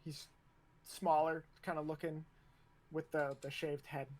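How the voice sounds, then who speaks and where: Guy running a tabletop game, kinda high voice, chill and loose, lots of uhs. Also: little pitch movement, measured pace. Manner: casual, laughing, filler-heavy narration. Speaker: game master.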